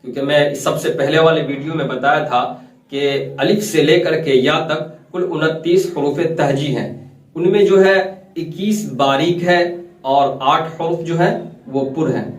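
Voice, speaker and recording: A man teaches Quran recitation in a patient, step-by-step way, putting questions to his listeners and answering them. He slows down to draw out letter sounds as examples. His fairly high voice is picked up from some distance in a roomy, echoing space. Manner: repeats key points and asks the class questions, then answers them; drawn-out demonstrations of letter sounds. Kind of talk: step-by-step tajweed lesson.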